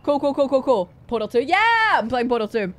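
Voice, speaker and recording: A woman's voice: a little high, brisk, slight background noise. A woman livestreaming a game in a cute, bubbly anime-streamer way, chatting casually and repeating phrases to herself.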